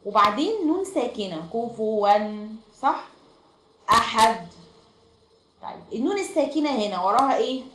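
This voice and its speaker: Woman with egyptian accent teaching online, checking "right?" a lot, quick and echoey. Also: high-pitched, very animated, a bit bright. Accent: Egyptian Arabic. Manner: explains step by step, checks "right?" often. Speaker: Quran recitation teacher. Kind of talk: online group lesson. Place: room at home. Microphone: online voice chat. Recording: echoey room, faint noise.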